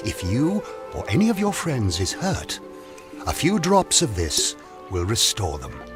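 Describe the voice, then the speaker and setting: A man's voice: mid-range voice, huge pitch swings, a little slow. A man playing a grave, kindly old Father Christmas in a radio drama, stately and benevolent. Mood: solemn, kindly. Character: solemn, kindly, old male gift-giver, Father Christmas. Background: prominent music.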